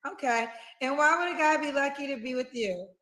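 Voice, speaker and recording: A woman hosting a dating show, reading out a contestant's details in a brisk, matter-of-fact way. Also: sits high, pushed and bright. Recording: roomy echo.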